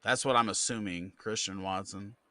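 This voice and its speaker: A man's voice: fairly low pitch, steady tone, normal speed, bright, forceful tone, no echo. A man co-hosting a live fantasy football Q&A, reading viewer questions in an easygoing way with fillers. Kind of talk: casual live Q&A chat.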